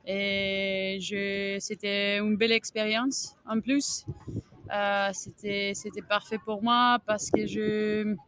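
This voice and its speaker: Slow, halting woman with a Greek accent. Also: medium pitch, little pitch movement, fairly bright tone, clear, resonant tone, dry recording. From Greece. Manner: halting, searching for words in non-native French. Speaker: tennis coach and podcast guest. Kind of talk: interview answers.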